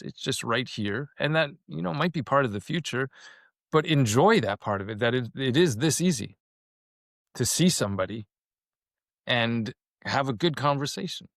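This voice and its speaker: A man's voice: mid-range voice, a bit bright, dry recording, studio quality. A man in his fifties from Canada, talking reflectively as a podcast guest and often repeating a word as he starts a thought. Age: 50s. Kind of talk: casual conversation.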